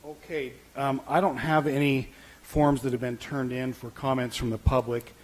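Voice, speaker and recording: A man's voice: medium pitch, little pitch movement, normal speed. A man, the mayor, chairing a city council meeting in a friendly, plain-spoken way. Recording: faint background noise.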